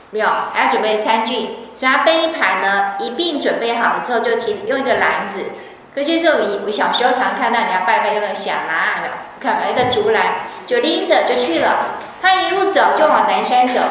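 A woman giving a lively storytelling lecture on a scripture, chatty, full of fillers and questions to the audience. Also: a little high. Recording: echoey hall, far from mic, faint noise.

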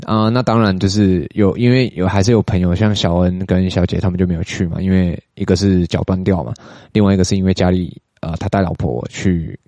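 Young taiwanese guy rambling on his podcast, deep mellow voice, close dry mic. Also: fairly quick, no room sound. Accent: Taiwanese Mandarin. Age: young adult. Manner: chatty, animated when retelling, mixes in English words and Taiwanese swearing. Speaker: podcast host. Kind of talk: casual solo podcast storytelling.

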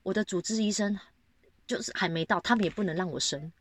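A woman co-hosting a casual podcast chat, telling a lively story and acting out the quotes. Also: fast. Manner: lively storytelling, acts out quotes with big pitch jumps. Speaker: podcast co-host.

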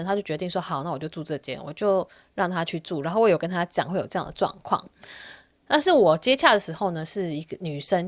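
A young woman who works as a rental agent, casually telling her viewers a story and getting worked up as she retells it. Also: medium pitch. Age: young adult. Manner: animated, gets worked up while retelling.

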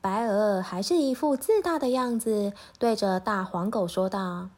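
A woman teacher reading a children's story aloud in a gentle, clearly paced way. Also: medium pitch, measured pace.

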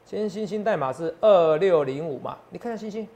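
A man's voice: sits high, expressive, quick pace, gravelly, dark tone. A man, working as a stock market analyst and giving boastful finance talk show commentary full of rhetorical questions.

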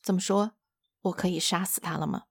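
A patient angel presses calmly and insistently, voiced by a woman. Her tone is husky with a gravelly edge, recorded dry and close. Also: on the low side, fairly quick, dry recording. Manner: calm, insistent.

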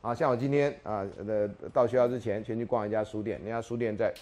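A man's voice: lowish voice, quick pace. A middle-aged man with a Taiwanese Mandarin accent giving a university lecture, chatty and storytelling, acting out quotes. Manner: chatty, animated storytelling with acted quotes and laughs. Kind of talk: classroom lecture.

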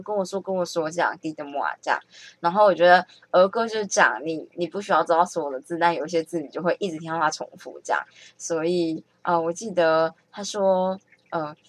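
A woman chatting casually as she thinks aloud, often correcting herself and laughing at her own mistakes. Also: lowish voice. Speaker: vlogger learning French.

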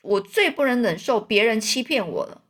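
Brief: woman doing a loud, high, scolding con-man duke in a storybook reading. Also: very animated, moderate pace. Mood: angry, scolding. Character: hot-tempered male con man posing as a duke.

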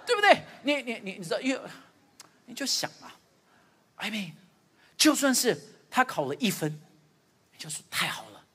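A middle-aged man preaches from a church stage and tells family stories with lively voices for each person. His voice sits high and sounds slightly husky, and his pitch swings widely from line to line. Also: moderate pace, long pauses, in a large hall. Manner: animated storytelling, acting out family dialogue. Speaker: pastor. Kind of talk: sermon.

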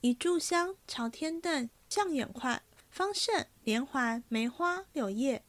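A woman reading aloud and voicing a lively fifteen-year-old maid who talks in a bright, chatty, teasing way. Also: high voice, takes it slowly, dry recording, voice pushed up. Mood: cheerful.

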